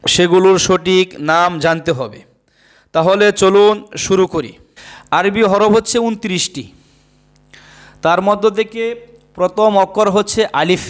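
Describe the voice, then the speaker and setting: Slow, patient teacher. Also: male voice, high-pitched, smooth. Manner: patient, repeats each letter for learners to echo. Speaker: Quran teacher. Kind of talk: slow, repetitive letter-drill lesson.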